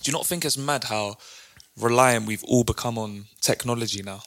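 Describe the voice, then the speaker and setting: A man's voice: medium pitch, moderate pace, fairly bright tone. A young man with an urban London roadman accent, chatting conversationally with plenty of street slang. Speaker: podcast co-host.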